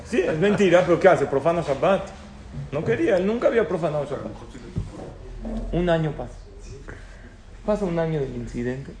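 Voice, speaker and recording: A man's voice: a little high, very animated, brisk, pauses often, darkish tone, a little hiss or hum. Man lecturing in an echoey room. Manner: storytelling, asks the audience questions. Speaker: rabbi lecturer. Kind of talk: religious talk to an audience. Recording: echoey room with faint ambience.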